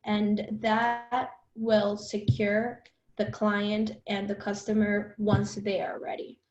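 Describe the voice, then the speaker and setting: A woman's voice: medium pitch, monotone, darkish tone. A woman in her twenties from Colombia, a podcast guest talking earnestly and casually about her work. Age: 20s. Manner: earnest, quick phrases with fillers. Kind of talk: casual interview chat. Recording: roomy, dull lo-fi sound.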